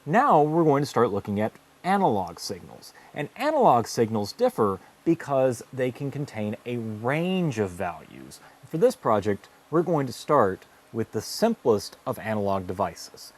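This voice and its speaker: The instructor and host of an electronics tutorial series narrates a scripted lesson, methodically explaining carefully phrased steps. His medium-pitched voice swings widely in pitch, runs a little slow, and has hardly any pauses.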